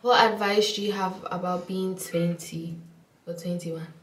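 A woman around twenty, vlogging in casual chat with friends in a small bathroom, giggly and excitable. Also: lowish voice, measured pace, background noise. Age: 20s. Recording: echoey room from a distance.

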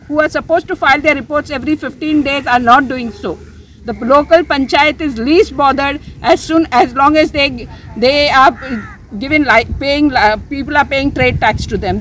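A woman's voice: high voice, fairly bright tone, slight background noise. An older woman activist, speaking earnestly outdoors in a news interview, restarting often. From India. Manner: earnest, insistent, with frequent restarts and fillers. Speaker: civic activist. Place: outdoors near a beach, under an umbrella.

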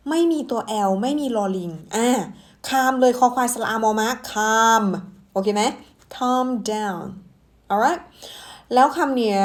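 A young woman teaching English pronunciation in a casual, playful lesson, drawing out her explanations. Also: fairly high pitch. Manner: slow, playful, drawn-out explanations with fillers.

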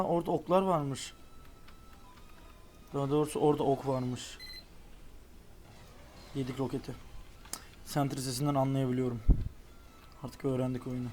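A young man giving casual, excitable commentary while playing a racing game online. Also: medium pitch. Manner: excitable, exclaims at near misses. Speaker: gaming YouTuber.

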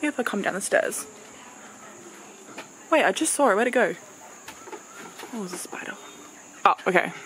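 A young Australian woman in her twenties speaks animatedly at a moderate pace, with a mid-range, slightly bright voice and long pauses. The travel vlogger chats to her handheld camera or phone in the car and outdoors during a road trip, relying on fillers and saying "like" often. It's noisy with vehicle and outdoor sound.

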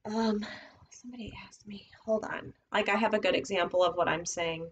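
A woman's voice: fairly low pitch, steady tone, fairly quick, highs cut off, slight background noise. A woman casually teaching trading setups on a live stream, thinking aloud as she marks up charts at her computer. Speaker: trading educator.

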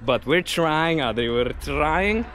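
A man's voice: fairly high pitch, expressive, slow, a bit bright, slight background noise. A man live-streaming outdoors while walking his dog, chatting casually with viewers in a giggly, teasing way.

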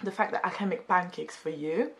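A woman's voice: lowish voice, a little fast, fairly bright tone. A woman in her twenties chatting with her older sister, giggly and eager, sometimes hunting for English words. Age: 20s. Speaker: guest sister. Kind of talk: casual chat. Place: living room couch indoors.

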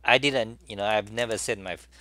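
Sitting at a desk in a small room, a middle-aged Taiwanese talk show host delivers a meandering solo monologue to camera, thick with "you know" and restarts. His voice is lowish, brisk and sharp, and the recording is dry.

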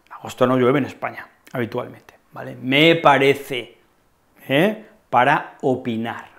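A man with a Spanish accent teaching a language lesson to camera, expressive and often checking in with "¿vale?". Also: medium pitch, moderate pace, creaky. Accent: Spain. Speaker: Spanish teacher, channel host.

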